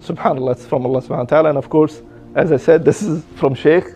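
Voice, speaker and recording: A man telling a religious story in a casual, halting way, with many restarts and Arabic phrases, on a dull lo-fi recording. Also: fairly high pitch, dark tone.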